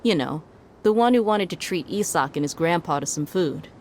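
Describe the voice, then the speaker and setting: Against a noisy background, a woman with a fairly low-pitched, animated voice talks at a moderate pace. Her role is a cocky, teasing, laid-back desert mercenary in a game cutscene, and her mood comes across as smug and confident.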